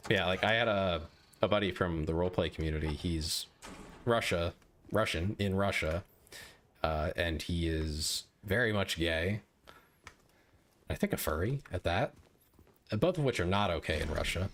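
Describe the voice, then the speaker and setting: A man's voice: deep voice, expressive, moderate pace, pauses often, fairly bright tone, a little hiss or hum. A man streaming a game, chatting with viewers in a rambling, joking way. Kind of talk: casual live-stream gaming chat.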